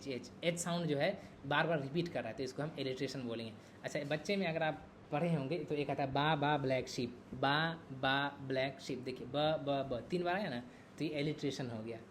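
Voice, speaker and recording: Teacher lecturing with faint hiss. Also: male voice, on the high side. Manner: explains by repeating and asking the class questions. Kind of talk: exam-prep lecture.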